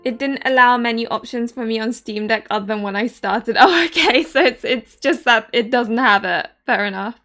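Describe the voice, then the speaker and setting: With faint game music behind her, a southern English woman casually commentates and reads game text aloud, often laughing and mangling names. Her voice is fairly high, bright and forceful, moving at a moderate pace with few pauses.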